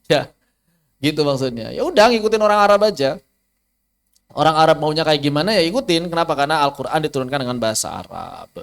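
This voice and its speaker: A man's voice: fairly high pitch, big pitch swings, fast talker, creaky. A man, teaching a Quran recitation lesson online, asking rhetorical questions and demonstrating letter sounds aloud. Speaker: ustaz teaching tajwid.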